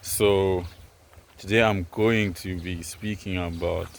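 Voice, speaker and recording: A man's voice: low voice, fairly even intonation, takes it slowly, creaky, rough recording. A man in his twenties from Zimbabwe, talking casually and earnestly to camera, rambling with lots of fillers. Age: 20s. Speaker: vlogger. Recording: noticeable background noise, rain.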